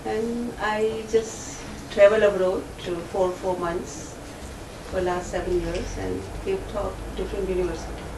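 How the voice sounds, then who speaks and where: A woman from Pennsylvania introducing herself in halting, slightly broken phrasing. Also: mid-range voice, fairly even intonation. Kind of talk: casual self-introduction. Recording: roomy, distant mic, background noise.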